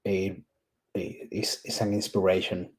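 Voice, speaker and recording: In a husky, low voice with a level tone, this Puerto Rican tech YouTuber speaks unhurriedly, his accent thick. His screen-recorded coding walkthrough is casual and candid, as he thinks aloud through the build with lots of ums and restarts.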